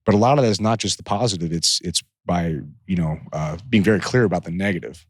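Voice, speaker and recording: A man's voice: deep voice, fast, slightly rough, dry recording, clean studio sound. A man co-hosting a podcast, talking casually and laid-back, with plenty of swearing and rambling asides. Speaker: podcast co-host.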